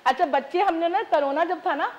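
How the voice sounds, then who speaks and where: A high-voiced woman chats emphatically as a guest in a TV studio. She talks about her bag business in a casual, lively way, speaking through a lapel mic. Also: a little fast, lo-fi sound. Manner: chatty, emphatic, mixes English words. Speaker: guest, preloved bag seller. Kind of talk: casual talk show chat.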